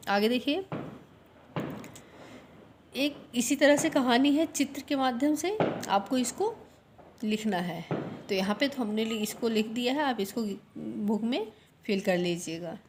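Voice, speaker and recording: Woman teacher, children's story lesson, unhurried, higher voice, faint background hiss. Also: animated. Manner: slow, repeats lines and asks quiz questions. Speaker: primary school teacher.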